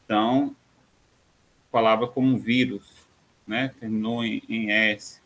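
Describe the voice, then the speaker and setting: A Brazilian man giving a recorded grammar lesson, pausing often on fillers and spelling out example words slowly. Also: fairly low pitch, fairly even intonation, fairly bright tone. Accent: Brazilian Portuguese. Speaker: teacher.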